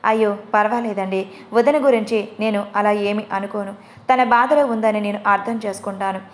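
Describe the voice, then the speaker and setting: A woman voicing a soft-spoken, tearful young wife, in a spoken storybook. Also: medium pitch, steady tone, normal speed, close to an everyday voice. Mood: gentle. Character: tender young wife, a sorrowful sister-in-law.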